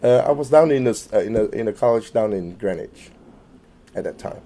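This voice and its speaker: In an oral history interview, a middle-aged Malaysian man speaks in a lowish voice, animated and brisk. He hesitates a lot, using many fillers and restarting, and his phrases fade quieter at the ends.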